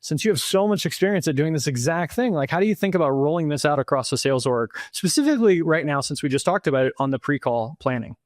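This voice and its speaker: A man's voice: a little high, animated, no room sound, studio quality. A man hosting a podcast, chatting casually and self-deprecatingly with his guest about sales. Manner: fast, self-deprecating, conversational. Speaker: podcast host. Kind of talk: casual interview talk.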